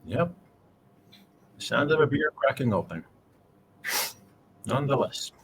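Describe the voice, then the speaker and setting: A man's voice: medium pitch, big pitch swings, a little slow, vocal fry, slight background noise, poor audio. A man commentating a live game tournament, joking and teasing his co-host between calls. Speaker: esports commentator.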